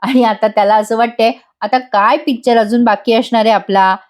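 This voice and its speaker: Talking directly to her audience, this TV serial reviewer recaps an episode in a chatty voice-over. Her voice is a little high and darkish, with fairly even intonation and a normal speed.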